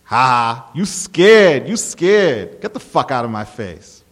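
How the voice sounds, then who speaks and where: A man's voice: mid-range voice, lively intonation, normal speed, close to an everyday voice. A man voicing a mocking teenage street bully. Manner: mocking, jeering.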